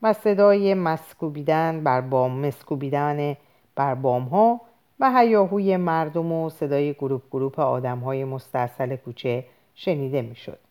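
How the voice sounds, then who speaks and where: Low-voiced woman reading a novel. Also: a little mellow. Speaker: audiobook reader. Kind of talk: literary audiobook narration.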